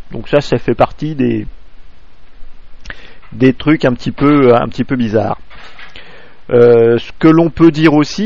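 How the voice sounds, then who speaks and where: A man from France giving a spoken amateur radio lesson, halting, full of fillers and restarts, close to a clipping desk microphone. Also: medium pitch, gravelly, darkish tone, dry recording, highs cut off.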